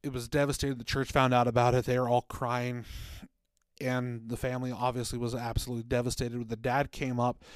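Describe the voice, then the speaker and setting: A man's smooth, medium-pitched voice moves fairly quickly with a flat delivery while he recounts a story for a faith podcast, acting out quotes in an earnest, chatty manner. He co-hosts the show and formerly did children's ministry work. The sound is dry and close, with no echo.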